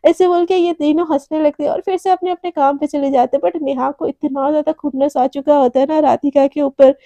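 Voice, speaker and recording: Young woman storyteller, high mellow voice, chatty filler-laden narration, close dry mic. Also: fairly even intonation, brisk, dry recording, dull audio. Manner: chatty, filler-heavy, mixes English words.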